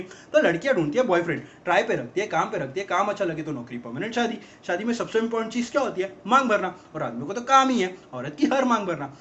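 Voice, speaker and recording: An actor playing an exasperated young man in a rapid-fire, mocking film comedy monologue about girlfriends. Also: sits high, a bit bright, a little hiss or hum. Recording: dull lo-fi film audio.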